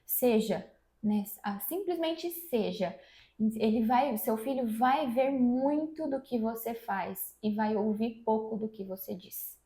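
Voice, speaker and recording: A woman, a mother co-hosting, giving measured parenting advice in a casual chat at home. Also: fairly high pitch, mellow. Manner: measured, advice-giving, repeats key phrases. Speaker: mother and channel co-host. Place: room at home. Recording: echoey room.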